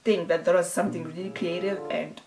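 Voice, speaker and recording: A woman's voice: on the low side, fairly even intonation, fairly quick, far from the mic, over a noisy crowd. A young woman with a Zimbabwean accent chatting casually as a YouTuber reacting to clips, exclaiming and giggling as she talks. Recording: voice set back from mic with music behind.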